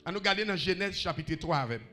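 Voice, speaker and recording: A man's voice: sits high, expressive, quick pace, sharp tone, soft background music. A man with a Haitian accent preaching a sermon, rhythmically calling out questions to the congregation.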